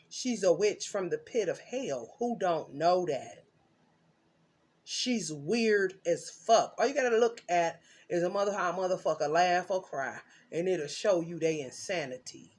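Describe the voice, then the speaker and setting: Woman tarot reader, profane and rambling, loud bursts and mutters. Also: on the low side, expressive, unhurried, husky. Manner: cursing, loud and emphatic, swings between shouting and muttering.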